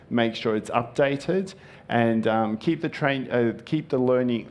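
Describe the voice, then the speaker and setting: In a conference hall, a young man who is a native Japanese speaker raised in Japan gives an earnest, friendly presentation. His mid-range voice is a little mellow, and he says "um" often.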